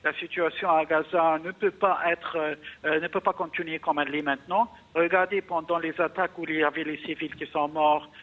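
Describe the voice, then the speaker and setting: An Egyptian man appears as a guest analyst in a news interview, his voice fairly high for a man and his intonation fairly even. He speaks haltingly, repeating small words as he builds each point. The audio is narrow, like a phone line.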